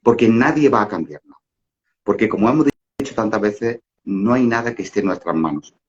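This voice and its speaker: A man's voice: fairly low pitch, lively intonation, a little fast. A middle-aged man giving a casual spiritual talk, rambling with fillers and restarts and frequent rhetorical questions. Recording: dull lo-fi audio.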